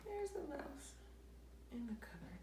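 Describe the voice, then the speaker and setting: In an echoey space with heavy background noise, a lively, high-voiced woman reads a children's story. She leans on dramatic emphasis, draws out her words, and drops hushed asides to the kids listening.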